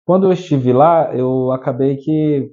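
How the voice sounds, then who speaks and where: A man's voice: mid-range voice, measured pace, highs cut off. A man in his thirties from Piauí in Brazil, telling his life story as an interview guest, hesitant and full of restarts. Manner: hesitant, many restarts and fillers. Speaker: guest, entrepreneur.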